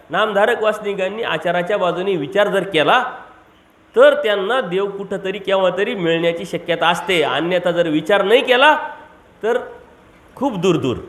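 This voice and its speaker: A man preaches a devotional sermon in a strikingly high voice. He keeps asking rhetorical questions and hammers key words through repetition. The room is roomy and echoey. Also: a bit bright. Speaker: monk preacher.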